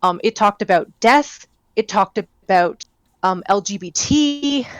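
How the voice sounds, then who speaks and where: A woman's voice: medium pitch, animated, unhurried, dry recording. A young woman co-hosting a podcast, chatting casually and enthusiastically with lots of fillers. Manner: rambling, enthusiastic, many fillers. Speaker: podcast co-host. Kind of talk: casual chat.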